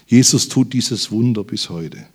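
A man's voice: lowish voice, expressive, measured pace, breathy edge. A man preaching a sermon, reading Bible verses aloud and building up emphatically on key phrases.

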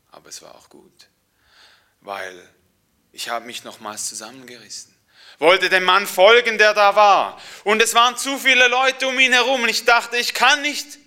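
A man speaking in the first person as a frail woman who has long been ill and longs to be healed, pleading and swinging from loud to hushed. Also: medium pitch, heavily acted.

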